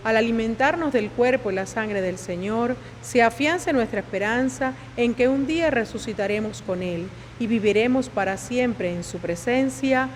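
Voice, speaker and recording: A woman's voice: a little high, slight background noise. Woman reading prayers in cathedral echo. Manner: measured, formal reading with a set refrain. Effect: long church reverb. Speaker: lector reading the intercessions. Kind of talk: liturgical prayer reading at Mass. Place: church during Mass. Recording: long echoing reverb in a large church.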